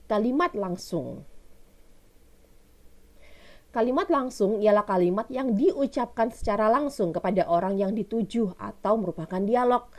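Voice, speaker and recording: A woman's voice: mid-range voice, darkish tone. Woman teacher explaining a grammar lesson. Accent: Indonesian. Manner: explains step by step with rhetorical questions. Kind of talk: recorded classroom lesson.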